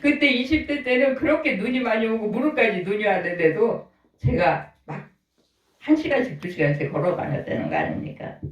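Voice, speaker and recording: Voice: medium pitch, very animated, a little fast. A pastor in their sixties giving a conversational sermon, often asking the congregation questions. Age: 60s. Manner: folksy, asks the congregation questions. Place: church sanctuary. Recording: roomy echo, voice from far off.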